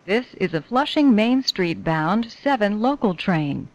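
A woman reading scripted train announcements in a measured, formulaic way. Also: medium pitch, very animated, muffled recording. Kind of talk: scripted subway station announcements.

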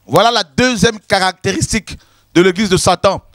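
A man's voice: sits high, moderate pace, fairly bright tone, dry recording, studio quality. A man preaching a sermon, emphatic and repetitive, often calling his listeners "my friends". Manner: emphatic, repetitive, addresses listeners as "mes amis".

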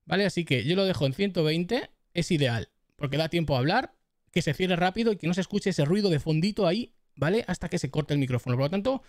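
A man's voice: on the high side, lively intonation, quick pace, dry recording. A man giving a casual tutorial on microphone settings, chatting with his viewers and doing test phrases into a close studio mic. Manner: chatty, addresses viewers as "chavales" and "familia". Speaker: tech YouTuber giving mic setup tips. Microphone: close studio dynamic microphone.

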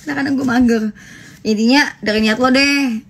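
A woman's voice: mid-range voice, fast talker, husky. A young woman in her twenties chatting casually on a phone livestream, answering follower questions with jokes and bursts of laughter. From Indonesia.

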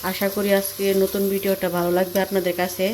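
A Bangladeshi woman vlogging casually as she cooks at home, explaining each step in a chatty way, her voice hoarse from a cold. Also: mid-range voice, level tone, fast, noisy background. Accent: Bangladeshi Bengali. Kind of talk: casual cooking vlog. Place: home kitchen.

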